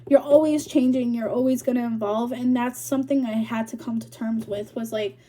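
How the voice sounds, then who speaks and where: A woman's voice: fairly high pitch, fairly even intonation, brisk, dark tone. A young woman vlogger chatting casually to camera, rambling and filling her talk with "like", a little out of breath. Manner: rambling, full of "like" fillers.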